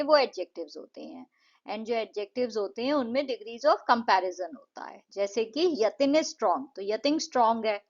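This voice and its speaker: A woman teacher with an Indian accent explains an English lesson, her voice sitting a little high. She reads the English sentences slowly and deliberately before explaining them faster. The recording sounds dull and lo-fi. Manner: slow, deliberate English reading, quicker explanations.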